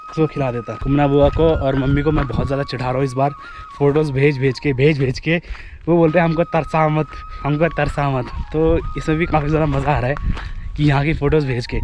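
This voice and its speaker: A young man from India, chatting casually to viewers as he walks on a forest hillside, often repeating his phrases. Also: fairly high pitch. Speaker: travel vlogger. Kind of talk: casual vlog narration while walking.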